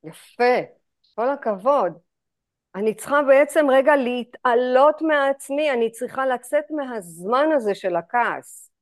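A woman leads a women's group in an animated way. Her voice sits fairly high. She slips into soft, hushed inner dialogue now and then. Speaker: spiritual group facilitator. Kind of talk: guiding a women's group session.

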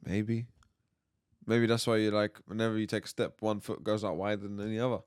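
A man's voice: fairly low pitch, level tone, darkish tone, clean tone, no echo. Teasing British man on a dry mic. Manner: joking, teasing, quick to laugh. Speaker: podcast co-host. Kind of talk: casual chat.

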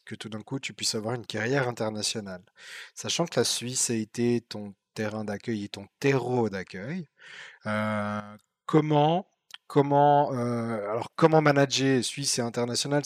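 A man interviewing a guest, talking at a mid pitch. He stumbles and restarts as he builds long questions. The sound is dry and close. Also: dry recording. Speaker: interviewer, podcast host. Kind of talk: casual interview chat.

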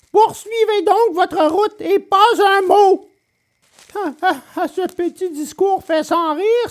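A woman's voice: very high voice, a little mellow. A woman voicing a boastful, cocky wooden puppet boy who talks in a brash, bragging way. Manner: brash, bragging storybook delivery.

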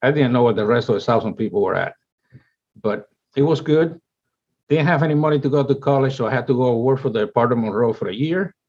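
Talking quickly in a mid-range, darkish and slightly rough voice, a Cuban-born man in his seventies describes his life in English as an interview guest. He is a company CEO whose first language is Spanish, and his account rambles with plenty of restarts over dull, lo-fi audio.

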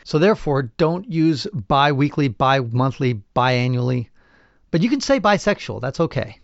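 A man hosting a podcast, talking casually with animated, opinionated asides. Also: mid-range voice, moderate pace, vocal fry, no room sound, highs cut off. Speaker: podcast host.

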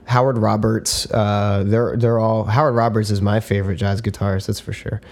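A man's voice: fairly low pitch, flat delivery, normal speed. A man co-hosting a casual podcast, pronouncing his words carefully, with a slight drawl on some words. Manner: careful, well-spoken pronunciation. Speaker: podcast co-host. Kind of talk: casual chat.

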